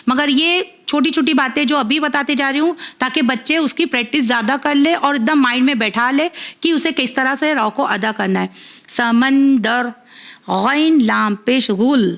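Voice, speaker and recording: A woman with a fairly high voice teaches children to read. She spells each word slowly, syllable by syllable, and then explains the rules at a brisk pace. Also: a bit bright. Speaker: Quran reading teacher for children.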